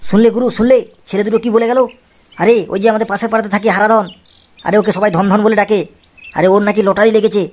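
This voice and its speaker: A man's voice: high-pitched, flat delivery, fast, close to an everyday voice. A man voicing a greedy thug who serves a gangster boss in a cartoon, sounding sly and menacing. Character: greedy adult male thug, a gangster's sidekick.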